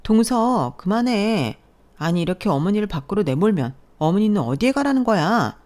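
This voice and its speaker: A woman's voice: medium pitch, very animated, moderate pace, a little mellow, pitched above the performer's own voice, close to an everyday voice. A woman voicing a self-serving elder sister-in-law who reacts with indignant protests in a story reading. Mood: reproachful.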